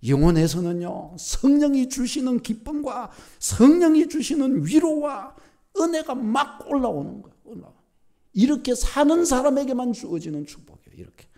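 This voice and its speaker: A middle-aged man preaching a sermon as pastor, emphatic, repeating key phrases and building up to near-shouts. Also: extremely high pitch, lively intonation, moderate pace.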